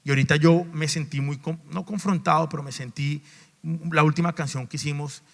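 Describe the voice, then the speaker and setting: A male pastor delivers a sermon in a high voice that rises to emphatic declarations, then drops to low, almost muttered asides. He repeats words and restarts phrases as he goes. His voice rings with the long reverb of a large church sanctuary. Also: steady tone, a little fast, creaky, fairly bright tone. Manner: swings between raised emphatic lines and low, near-muttered asides.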